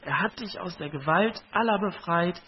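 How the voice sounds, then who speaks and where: A man's voice: sits high, normal speed, husky. Man reading as a solemn foreign messenger. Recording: dull lo-fi recording.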